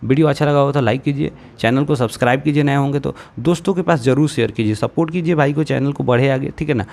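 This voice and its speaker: A man's voice: medium pitch, quick pace, gravelly, darkish tone. A young man teaching a grammar lesson, explaining patiently step by step and checking in often with his students.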